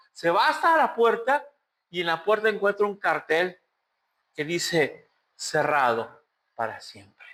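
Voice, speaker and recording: A male pastor with a Mexican Spanish accent delivers a sermon as a lively story. His voice sits high and sounds bright and forward. He acts out the characters' lines as he narrates. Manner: animated storyteller acting out voices. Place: church.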